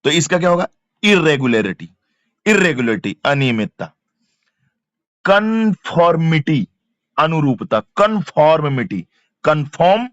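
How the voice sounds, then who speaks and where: A male teacher, repeating each word slowly and drilling pronunciation. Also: a little high, dry recording. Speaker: vocabulary teacher. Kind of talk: exam-prep vocabulary lesson. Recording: dull, dry lo-fi sound.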